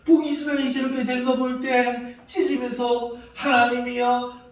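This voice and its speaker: A male pastor with a fairly high voice preaches a sermon, retelling scripture in lively, colloquial terms. The sound is heavily reverberant, like a big church hall, with the mic set well back from him. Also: measured pace. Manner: animated storytelling, explains scripture in everyday talk. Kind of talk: sermon at a prayer meeting. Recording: echoey hall, distant mic.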